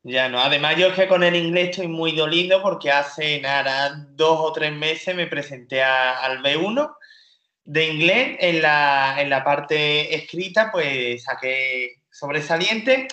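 A Spanish comedian, guesting on a casual interview, tells jokey, self-deprecating stories as an animated storyteller. His voice is a little high and a little slow, and the recording sounds roomy, dull and lo-fi.

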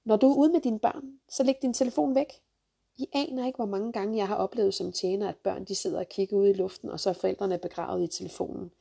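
A woman ranting through a countdown of pet peeves, blunt and sarcastic, swearing freely and jumping into sharp outbursts. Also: medium pitch, fairly even intonation, vocal fry, slightly rough. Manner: jumps to sharp loud outbursts. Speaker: vlogger, mother.

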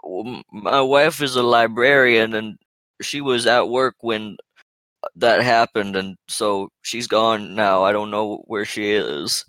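A man voicing a distant elderly man who frets over his missing wife, with slow, faltering speech. He pitches his voice a little above his own. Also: pushed and bright, no room sound. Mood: worried.

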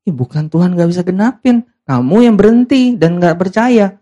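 A man's voice: high voice, expressive, moderate pace, mellow, muffled recording. A young man preaching a casual youth sermon, teasing the congregation and acting out quoted lines.

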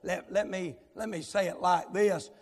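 A Southern US pastor preaching a sermon in a folksy, fiery way, from quiet storytelling to shouting. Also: male voice, high-pitched, steady tone, normal speed, creaky, slightly rough. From South Carolina, US. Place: large church sanctuary. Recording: long church hall reverb.

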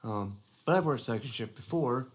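A man's voice: medium pitch, expressive, moderate pace, husky. A man co-hosting a podcast, talking in a casual, earnest way, restarting his sentences and often saying "you know". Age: adult father. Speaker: podcast co-host.

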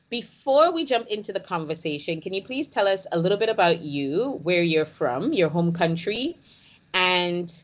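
A woman hosting a podcast, introducing the show and interviewing a guest in a measured, deliberate way. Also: on the low side. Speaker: podcast host.

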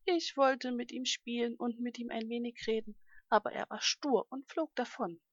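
A woman's voice: fairly high pitch, moderate pace, no room sound, lo-fi sound, natural voice. Bodo, a woman playing an eager little elephant calf. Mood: plaintive. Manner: eager, childlike.

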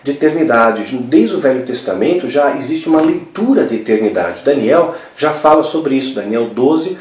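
A man's voice: mid-range voice, animated, normal speed, a little mellow. A man gives a religious teaching talk, explaining step by step and often checking in with tag questions. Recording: roomy, from a distance.

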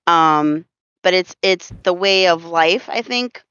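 A woman's voice: on the low side, animated, slow pace, a bit bright, clear, resonant tone, no room sound. A woman from Florida with a slight Southern drawl, hosting a casual podcast chat, rambling with fillers and frequent laughter. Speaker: podcast host. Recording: dull lo-fi dry sound.

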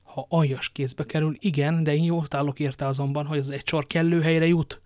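A man reading an audiobook, voicing a loyal young maid who speaks gently and earnestly, full of pity. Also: on the high side, level tone, dry recording, studio quality, close to an everyday voice.

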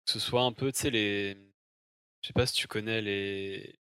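Low-voiced man interviewing casually, close and dry. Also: fairly even intonation, moderate pace, fairly bright tone, clear, resonant tone, dry recording. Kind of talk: casual conversation.

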